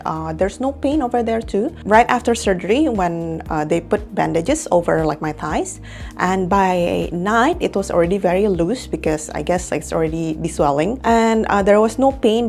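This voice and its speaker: A woman's voice: lowish voice, creaky, a little mellow. A young woman from Indonesia, chatting casually in a vlog about her recovery, with frequent little laughs and fillers. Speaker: clinic employee and patient.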